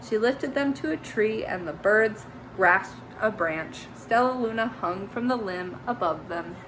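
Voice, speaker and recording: A woman teacher reading a children's storybook aloud with expressive, gentle storytelling. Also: mid-range voice, measured pace, slight background noise, rough recording.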